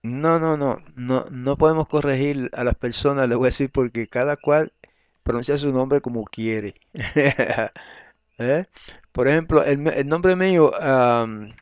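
A man's voice: mid-range voice, no echo, highs cut off. A man leading a Bible study class in a conversational way, reading verses aloud and often checking with his listeners. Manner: conversational, tag questions, frequent throat clearing. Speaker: Bible teacher.

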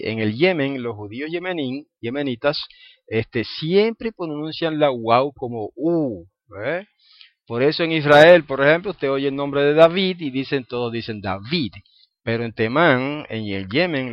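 A man's voice: medium pitch, dry recording. Man teaching at length, with a dull sound. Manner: rambling, repeats words while searching for them. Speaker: Hebrew teacher. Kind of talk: religious teaching talk. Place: home library.

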